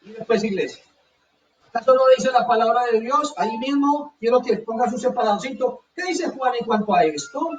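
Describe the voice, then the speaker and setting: High-voiced fervent male preacher, echoey. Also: lively intonation, fairly quick, far from the mic, slight background noise. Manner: fervent, repeats phrases for emphasis. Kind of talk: sermon. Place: church hall. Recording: dull echoey church sound from afar.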